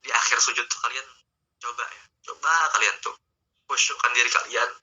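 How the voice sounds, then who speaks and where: Man giving a casual online religious talk, sharp and tense. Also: medium pitch, flat delivery, a little fast. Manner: conversational, coaxing, addresses listeners directly. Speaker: Islamic teacher. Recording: dull lo-fi online stream audio.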